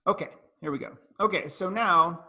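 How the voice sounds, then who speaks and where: Bright-voiced man telling a story. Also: high voice, moderate pace, breathy edge. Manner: storytelling, animated, acts out quoted lines. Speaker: featured speaker. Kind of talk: business luncheon talk.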